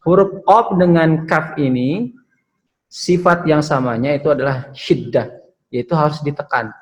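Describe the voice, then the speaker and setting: A man's voice: a little high, rough recording. A male Quran recitation teacher explaining letter pronunciation patiently, demonstrating sounds and tagging phrases with "ya". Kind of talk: online Quran pronunciation lesson.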